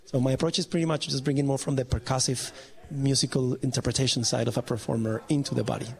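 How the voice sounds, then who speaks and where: A man from Colombia, a percussionist guest speaking in a relaxed, enthusiastic way in an interview. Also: mid-range voice, fast talker, vocal fry. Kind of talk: casual interview talk.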